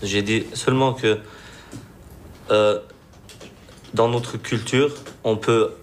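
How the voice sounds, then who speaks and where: A man answering a judge hesitantly and defensively, in halting phrases. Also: lowish voice, fairly even intonation, slight background noise.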